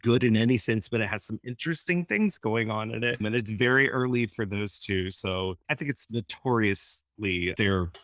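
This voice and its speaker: A man's voice: on the low side, moderate pace, hardly any pauses, a bit bright, no echo, clean studio sound. A man co-hosting a film podcast, giving opinionated takes with wry asides. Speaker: film critic podcast host. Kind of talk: casual film discussion.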